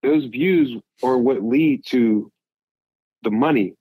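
A man's voice: medium pitch, slow pace, breathy edge, dry recording, phone-quality sound. A man talking casually as a podcast guest, giving advice in an emphatic, rambling way.

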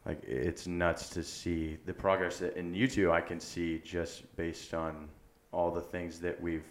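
A man's voice: low-pitched, flat delivery, a little slow. A young man co-hosting a podcast, talking in an earnest, rambling way full of "like" fillers. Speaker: podcast co-host. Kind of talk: casual chat.

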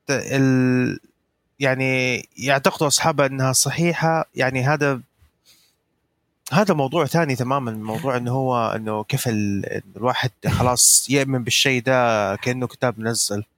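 A man's voice: mid-range voice, brisk, fairly bright tone, no echo. A man on a podcast who talks hesitantly, searching for words. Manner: hesitant, many fillers and restarts. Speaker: podcast co-host. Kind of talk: casual podcast discussion.

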